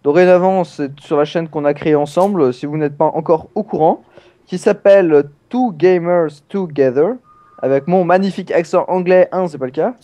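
Brief: young male let's-play host, teasing and chatty, soft warm tone. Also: a little high, brisk. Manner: playful, chatty, teasing, with many fillers. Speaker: gaming channel host. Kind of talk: casual let's play chat.

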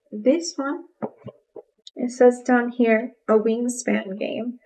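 A woman's voice: on the high side, vocal fry, mellow. A young American woman chatting casually as a video host, keeping her voice down in a library study room, slightly muffled by a mask and picked up by a camera across the table. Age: young adult. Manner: voice kept down for a library, not whispered. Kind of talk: casual vlog chat. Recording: voice picked up from a distance.

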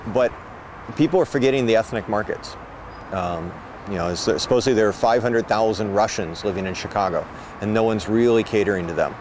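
A middle-aged man, a meat producer, giving steady, thoughtful interview answers outdoors. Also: on the low side, a little fast. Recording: outdoor street noise.

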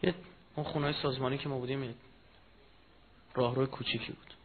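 A man giving a mourning sermon, telling a personal story, moving from low murmured storytelling to loud impassioned rising cries. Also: level tone. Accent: Persian of Iran. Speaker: religious speaker. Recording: tinny phone-like recording with faint noise.

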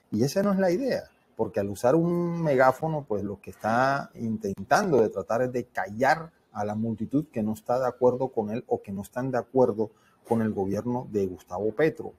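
Speaking to camera from an indoor room, a man in his fifties offers informal, disapproving news commentary in a colloquial manner. His voice is fairly low, a little mellow and slightly rough, with crowd noise behind it.

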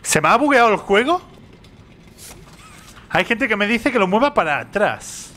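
A man's voice: sits high, sing-song, moderate pace, pushed and bright. A young man from commentating a horror game, nervous, repeating phrases and talking to himself. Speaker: gaming youtuber.

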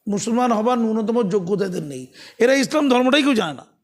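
A man's voice: high-pitched, expressive, a little fast. A man giving heated political talk, sarcastic and full of rhetorical questions. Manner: sarcastic, rhetorical questions, grows loud and forceful. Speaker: political commentator.

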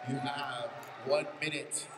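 A man's voice: medium pitch, fairly even intonation, slow pace. A man making urgent tournament calls over a PA system, repeating names and last calls in a large indoor arena. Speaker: tournament announcer. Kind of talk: public address calls. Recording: echoey PA in a big hall, from far off, noisy.

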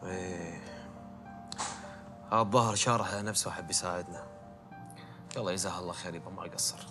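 An actor playing a respectful, dutiful young son in a TV drama, with a Gulf Arabic accent and a polite, deferential manner. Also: male voice, low-pitched, steady tone, a little fast, music in the background, close to an everyday voice. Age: young adult. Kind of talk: naturalistic TV drama acting.

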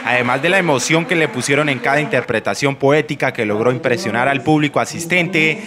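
A man's voice: medium pitch, fairly quick. A man with a Colombian accent reading scripted news narration as a reporter. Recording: crowd noise behind voice-over. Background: event audience.

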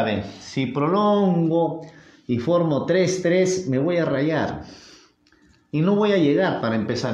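A man's voice: on the high side, dull audio. A man with a Peruvian accent teaching a geometry review lesson at a whiteboard, playful and coaxing with his students. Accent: Peruvian Spanish. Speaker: math teacher. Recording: roomy echoey room sound.

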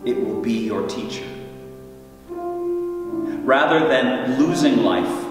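In a large church sanctuary, a man with a medium-pitched voice preaches a slow, reflective Good Friday homily as a priest, guiding listeners and leaving long pauses, while loud music plays behind him. The audio comes from a stand mic set some way off and a far camera, giving a distant voice in roomy church reverb.

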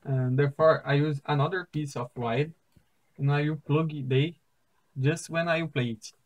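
Speaking slow, halting English with a Brazilian Portuguese accent, a man whose first language is Portuguese explains his science fair project step by step, pausing and restarting often. His voice is fairly high and steady, recorded in low quality indoors at a wooden table.

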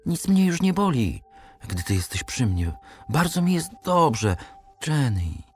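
A man voicing a gentle, hurt young circus strongman who speaks softly and tenderly to a crying girl. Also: mid-range voice, big pitch swings, measured pace, slight background noise, voice pushed up. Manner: soft, hushed, tender. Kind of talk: audiobook character voice.

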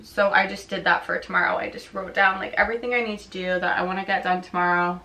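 A young woman talks into a tripod camera from her living room couch, tired and easygoing, with "like" in nearly every sentence. Her voice sits a little low and sounds bright and forward. The room is roomy, with a faint hiss behind her. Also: fast. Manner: relaxed, chatty, heavy use of "like". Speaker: vlogger. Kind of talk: casual vlog chat.

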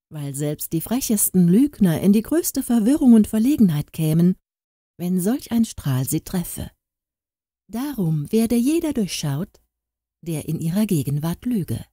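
A woman narrating a fairy-tale audiobook with expressive storytelling delivery. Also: medium pitch, no room sound, clean studio sound.

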